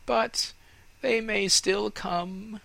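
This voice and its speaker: A man voicing a proud young male fir tree in a storybook reading, high and dreamy. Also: fairly even intonation, drawn-out words, gravelly, pushed and bright, exaggerated voice. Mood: wistful.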